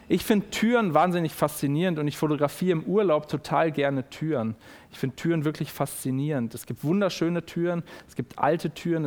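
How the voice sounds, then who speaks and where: A man preaching a sermon, explaining slowly and repeating key phrases for emphasis. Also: on the high side, a little mellow.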